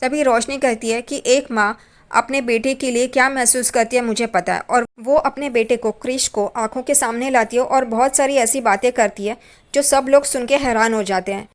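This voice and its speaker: Female recap narrator, slightly high pitch, loose conversational retelling that reads character lines flatly. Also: moderate pace. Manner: retells scenes, reading characters' lines in plain quotes. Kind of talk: casual spoken plot recap.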